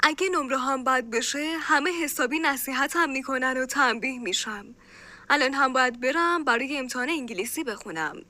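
A woman gives an upset teenage girl in a storybook a high, bright voice. She snaps and sulks under stress, with a sullen edge. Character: angry stressed teenage schoolgirl.

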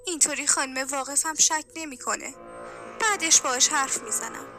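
A woman's voice: high-pitched, music in the background, lightly acted. A woman voicing an eager teenage schoolgirl with an urgent manner. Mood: hushed.

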